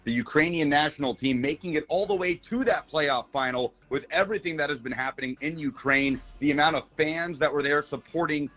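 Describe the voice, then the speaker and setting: A man's voice: a little high, brisk, hardly any pauses, a bit bright. A man from Brazil, a regular on a sports talk show, calling in over a phone line and chatting in a wry, earnest way. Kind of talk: casual sports radio chat.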